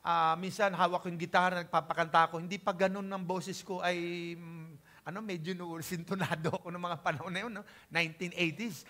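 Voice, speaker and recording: A man's voice: high voice, flat delivery, a little fast, pushed and bright. An older man from the Philippines preaching a conversational sermon as pastor, keeping the talk chatty and checking in with the congregation.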